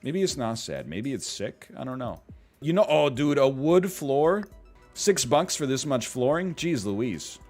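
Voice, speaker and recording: With faint music in the background, a man from Canada talks through a management game in a sing-song, mid-range voice with a darkish tone and measured pace. This gaming streamer's let's-play chatter is goofy, rambling and full of playful exclamations.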